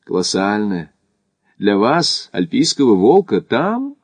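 A man's voice: fairly low pitch, very animated, slow, dry recording, exaggerated voice. A man voicing a skeptical, cautious male doctor who climbs as an amateur, wry and guarded. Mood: wary.

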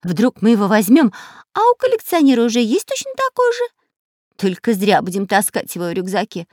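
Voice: medium pitch, huge pitch swings, brisk, a little mellow, dry recording, clean studio sound. A narrator voicing a sly, long-nosed male spy in a storybook reading, talking in a whiny, dismissive way. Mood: grumbling.

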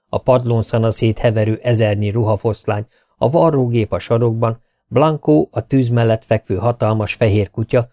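A man reading an audiobook in steady, measured scripted narration. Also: mid-range voice, no echo.

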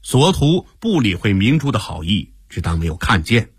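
A man narrating a historical radio story in an expressive storytelling style. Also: fairly low pitch, normal speed, breathy edge, dry recording, clean studio sound.

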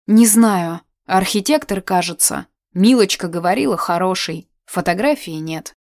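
A woman's voice: fairly low pitch, expressive, normal speed, a little mellow, no echo, studio quality. A woman reading an audiobook voices a young woman who answers in short, subdued replies. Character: young woman, quiet and restrained in grief.

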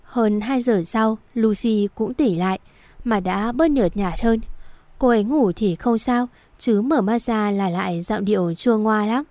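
A woman reading a story aloud in an even storytelling manner. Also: medium pitch, unhurried, dry recording. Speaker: narrator.

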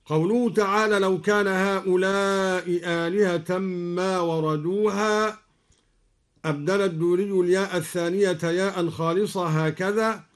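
A man from Egypt giving a radio lesson on recitation variants, calmly explaining each point and then chanting the verse slowly and melodically. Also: high-pitched. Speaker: Quran recitation teacher.

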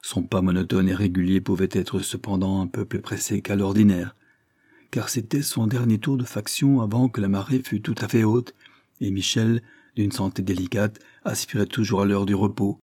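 Homme à la voix sombre et voilée. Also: male voice, on the low side, steady tone, normal speed, mellow, slightly rough, no room sound, clean studio sound. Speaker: audiobook reader. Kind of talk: reading a Victorian novel.

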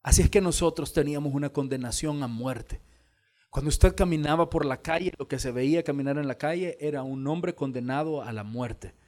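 A man preaching a sermon as pastor, telling stories and acting out the dialogue with lively energy. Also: a little high, a little fast. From El Salvador. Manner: animated storytelling, acting out dialogue. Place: church hall.

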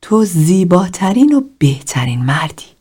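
A woman reads a tender, yearning woman speaking softly in a near-whisper. The voice is low and breathy, with a lively, wide-moving pitch, in an audiobook reading. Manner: soft, tender, half-whispered.

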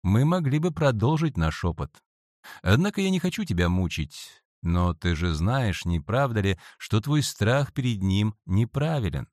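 A calm, knowing schoolboy, played by a male audiobook reader, probing gently and with quiet assurance. The voice sits low but moves in lively curves. The recording is dry and close. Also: unhurried, no room sound. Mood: persuasive.

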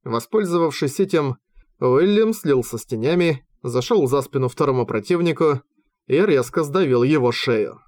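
A man narrating a fantasy audiobook in a steady, measured reading, recorded at home on a close microphone. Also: mid-range voice, no room sound.

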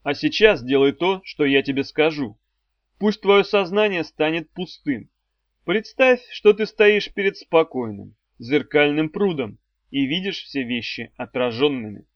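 A sardonic demon swordsman mentor, read by a man, barks orders, needles his pupil and drops cool threats. His voice rides a little above a man's usual pitch and lands firmly and loudly. The audio is dry and a touch muffled. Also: lively intonation, measured pace, dry recording. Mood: mocking. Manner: mocking, commanding, dry threats. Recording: dry, slightly dull audio.

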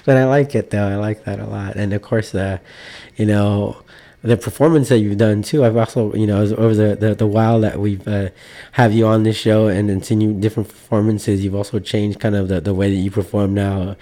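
Male host, low mellow voice, rambling casual interview, lots of restarts. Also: fairly even intonation, brisk. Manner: rambling, frequent restarts and fillers.

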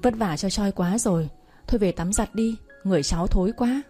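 A woman's voice: medium pitch, warm tone, slightly rough, faint music behind. A woman voicing a fussy, scolding old village grandmother. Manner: bossy, scolding, quick to complain.

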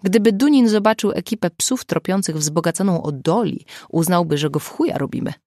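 A woman's voice: on the low side, brisk, darkish tone, no room sound, close to an everyday voice. A woman reading the lines of a blunt, dry-humored woman friend in an audiobook. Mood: wry.

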